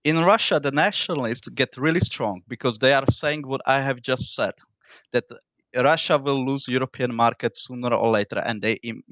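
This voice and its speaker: A non-native English speaker with a foreign accent and rolled r's takes part in an informal political debate, often halting and repeating words. His mid-range voice is a bit bright, with no room sound.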